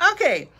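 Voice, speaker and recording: A middle-aged woman hosting a casual live stream from her bead store, chatty and quick to laugh, greeting viewers by name. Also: pushed and bright.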